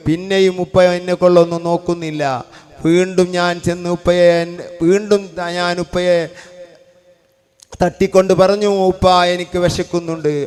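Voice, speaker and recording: Male preacher, high steady voice, emphatic repetition. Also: normal speed, pauses often, smooth, faint music behind. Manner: emphatic, repeats phrases for stress. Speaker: Islamic preacher. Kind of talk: sermon.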